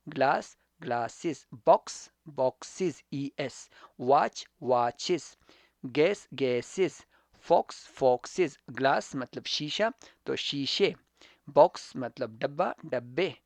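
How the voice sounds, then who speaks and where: A man gives a casual English grammar lesson. He speaks very slowly, with a gravelly, creaky voice, and repeats words over and over. The recording is dry and close, with no room sound. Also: mid-range voice, dry recording. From Khyber Pakhtunkhwa, Pakistan. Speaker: English teacher.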